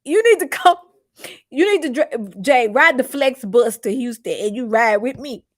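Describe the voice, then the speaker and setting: Animated woman gossip host. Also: on the high side, normal speed. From Mississippi. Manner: animated, laughs often, drawls and talks to viewers. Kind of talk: casual gossip livestream.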